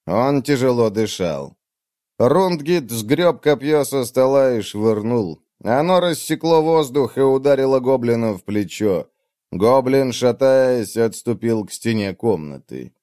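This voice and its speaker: A man narrating a fantasy story in a steady, even reading. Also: mid-range voice, unhurried, dry recording, clean studio sound. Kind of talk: scripted audiobook narration.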